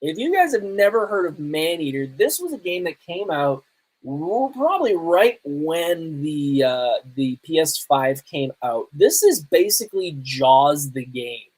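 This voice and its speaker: His voice is a little high with a darkish tone and big pitch swings, and he speaks a little slowly. He's a man in his thirties hosting a casual solo podcast on pop culture and games, conversational, enthusiastic and emphatic. The recording is rough.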